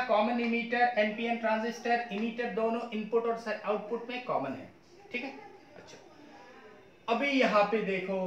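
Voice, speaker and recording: A man's voice: extremely high pitch, fairly bright tone, slight background noise. A man teaching physics in a lecture, often asking his students questions and mixing English terms into his talk. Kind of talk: classroom lecture. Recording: echoey room.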